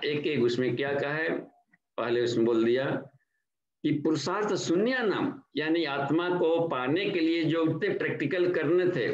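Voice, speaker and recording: An older man from India, giving a slow, explanatory devotional lecture as a spiritual trainer and slipping English words into his talk. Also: mid-range voice. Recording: dull, echoey online class audio.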